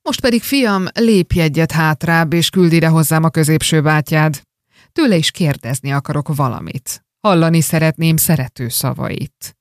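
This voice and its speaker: A reader voicing a dying, miserly old Scottish father in a rhymed story, speaking low and faint with scorn. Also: no room sound, clean studio sound, natural voice. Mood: scornful.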